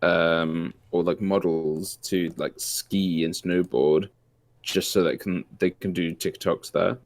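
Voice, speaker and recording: A man's voice: low-pitched, fairly even intonation, slow pace, dry recording. A British man in his thirties in casual chat, hesitant, with many fillers. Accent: British English. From England. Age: 30s. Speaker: podcast co-host.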